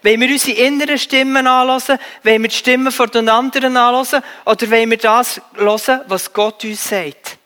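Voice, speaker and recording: A man preaching a sermon earnestly, pleading with his listeners and often pausing on filler sounds. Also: very high voice, fairly even intonation, bright, forceful tone, big-room sound.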